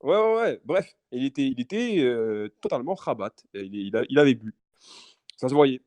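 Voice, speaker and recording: Young male podcaster, lively storyteller, dry close sound. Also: medium pitch, normal speed, dry recording. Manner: animated, repetitive restarts, laughing asides. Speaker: podcast host telling a story. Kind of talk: casual chat storytelling.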